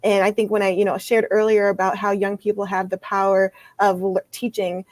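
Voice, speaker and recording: A woman's voice: medium pitch, little pitch movement, fairly quick, darkish tone. A young woman from Minnesota, a guest in an interview, speaking thoughtfully with frequent ums. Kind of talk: interview talk.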